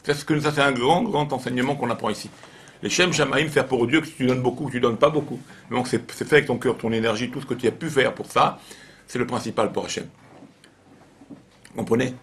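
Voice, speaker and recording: Man, rabbi, informal Torah lesson, animated storytelling, repeats phrases. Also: mid-range voice, a little fast, slight background noise.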